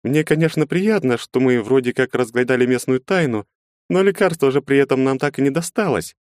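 A man voicing a tired, sharp-tongued alien woman companion who speaks wearily and sarcastically. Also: mid-range voice, brisk, dry recording, clean studio sound, voice pushed up, close to an everyday voice. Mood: weary. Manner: weary, sarcastic.

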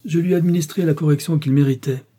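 Male narrator as a cold aristocratic prince, curt and controlled, with a dark husky voice. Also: fairly high pitch, steady tone, fast, voice pushed up, close to an everyday voice.

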